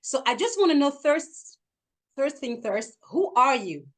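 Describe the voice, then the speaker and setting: High-voiced woman hosting an interview. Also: very animated, measured pace. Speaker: interviewer, host. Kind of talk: interview, reading a prepared bio.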